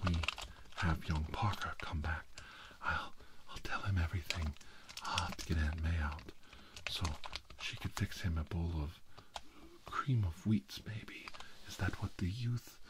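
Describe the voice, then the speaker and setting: In a whispered ASMR roleplay, a man plays an unhinged, brooding, middle-aged scientist villain. He mutters haltingly and repeats himself in a low voice, and the recording is very noisy.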